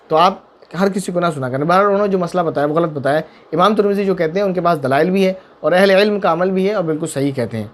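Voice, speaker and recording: A man, a mufti, answering viewer questions on religious matters, emphatic and repetitive, with pointed rhetorical questions. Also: on the high side. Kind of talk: religious Q&A talk.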